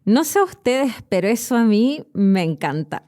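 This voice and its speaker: A woman in her thirties with a Chilean accent, a podcast host and Spanish teacher, narrates scripted educational stories expressively. Her voice is fairly high, sing-song and mellow, at a normal speed.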